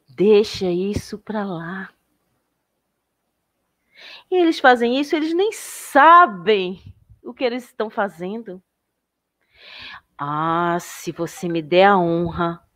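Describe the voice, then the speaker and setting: A woman voicing a gentle male traveler who admires and comforts a little bird, speaking slowly and effusively in a storytelling voice. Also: mid-range voice. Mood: reassuring. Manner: effusive, slow and exclaiming.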